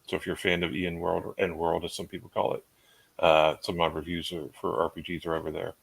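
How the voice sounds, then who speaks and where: Low, gravelly, hesitant man. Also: flat delivery, fast talker. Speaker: author on panel. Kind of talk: casual self-introduction.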